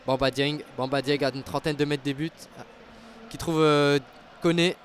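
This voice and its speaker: A man giving live football commentary as a match commentator, getting excited at big moments. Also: on the high side, moderate pace, slight background noise.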